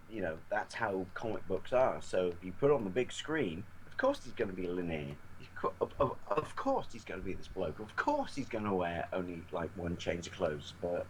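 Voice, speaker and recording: A man's voice: sits low, animated, normal speed, slight background noise, rough recording. A man with a British accent in casual film chat, swearing freely and gushing with enthusiasm. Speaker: co-host.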